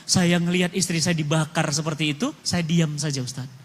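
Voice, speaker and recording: A man voicing a grieving male prisoner who talks softly and quietly, tearful. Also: on the high side, steady tone, fairly quick, long reverb tail, pitched below the performer's own voice, lightly acted. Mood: sorrowful. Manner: soft, subdued, tearful telling.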